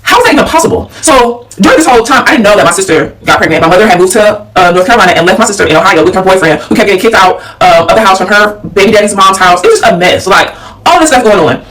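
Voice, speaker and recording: A woman's voice: medium pitch, lively intonation, rapid-fire, fairly bright tone. A young woman telling a family story in a chatty storytime monologue, with a slight lisp from her retainer. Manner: chatty, addresses listeners as y'all and girl. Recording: voice a bit far from the mic.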